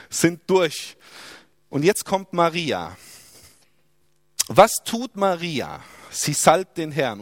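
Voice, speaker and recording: A man's voice: a little high, dry recording, studio quality. A man preaching a sermon, asking rhetorical questions and dropping his voice for emphasis.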